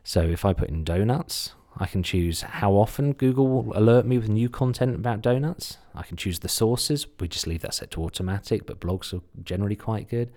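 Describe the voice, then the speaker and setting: Male podcast host, deep voice, light Suffolk accent. Chatty, informal explainer with self-deprecating asides. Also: lively intonation, brisk, hardly any pauses, mellow. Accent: slight Suffolk English. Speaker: podcast host, content marketer. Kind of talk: casual instructional talk, solo podcast.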